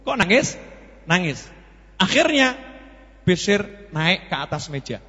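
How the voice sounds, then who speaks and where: Lively Javanese preacher, husky high voice. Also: male voice, takes it slowly. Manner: animated, acts out dialogue in the story, mixes in Javanese. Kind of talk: sermon with storytelling. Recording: lo-fi echoey hall.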